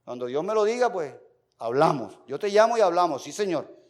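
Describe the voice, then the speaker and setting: Animated high-voiced pastor. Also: male voice, fairly quick. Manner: reads scripture aloud, then explains with asides; animated, swings between loud emphasis and soft muttering. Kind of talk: Bible-school sermon.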